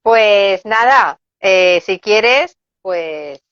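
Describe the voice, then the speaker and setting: A woman hosting a casual chat, speaking in a relaxed way and laughing easily. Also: mid-range voice, drawn-out words, clean tone. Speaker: talk host. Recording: dull lo-fi audio.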